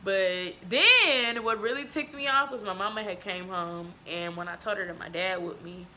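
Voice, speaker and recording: A young woman in her twenties co-hosting a podcast, telling stories in lively casual chat and laughing often. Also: mid-range voice, moderate pace. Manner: animated storytelling, laughs often. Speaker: podcast co-host.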